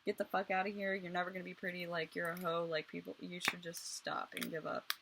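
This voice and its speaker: A woman's voice: fairly low pitch, little pitch movement, a little fast, creaky, background noise. A woman voicing a rude, insulting teenage boy from an online video chat, in a near-normal voice.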